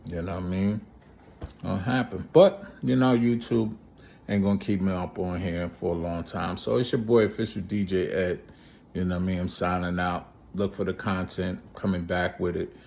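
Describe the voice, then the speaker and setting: A man with a New York accent, from Brooklyn, talking loosely to camera in a rambling street-talk vlog, filling every pause with "you know what I'm saying". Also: deep voice, fairly even intonation, vocal fry, a little mellow, slight background noise. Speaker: vlogger. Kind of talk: casual street-talk monologue.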